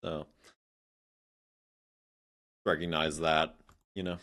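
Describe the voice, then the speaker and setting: A man's voice: very deep voice, flat delivery, slow pace, fairly bright tone. A man giving blunt, sarcastic reaction commentary, swearing freely and scattering fillers as he talks. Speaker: commentary streamer.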